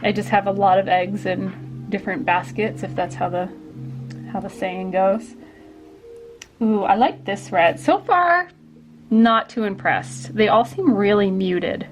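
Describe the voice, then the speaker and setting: A woman's voice: medium pitch, animated, measured pace, soft background music. A woman artist hosting a casual studio vlog, talking while she paints, rambling with lots of fillers and restarts. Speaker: artist and vlogger. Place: home art studio.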